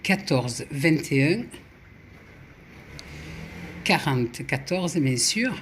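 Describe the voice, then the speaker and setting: A woman's voice: low voice, lively intonation, drawn-out words, slight background noise. A woman chatting casually at home, muttering letters and numbers to herself as she works through puzzle games and mocks her own mistakes. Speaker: YouTuber. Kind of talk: casual chat while playing puzzle games.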